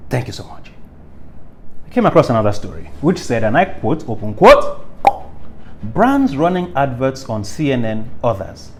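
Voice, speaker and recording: A Nigerian man with a medium-pitched, darkish voice hosts a current affairs show, offering opinionated news commentary to viewers. His delivery is emphatic and theatrical, packed with rhetorical questions.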